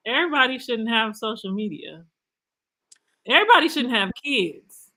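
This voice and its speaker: A woman chatting casually as a livestream guest, relaxed and laughing easily. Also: on the high side, moderate pace, low-quality recording. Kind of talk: casual chat.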